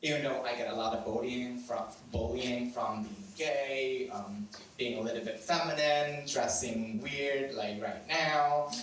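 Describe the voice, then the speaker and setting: With a mid-range, fairly bright voice, measured pace and few pauses, a young Cambodian-accented man whose first language is Khmer recounts a personal story at a live storytelling event. Frequent laughter, self-mockery and cheeky swearing color his telling. He's recorded from a distance in a very echoey room with an audience present.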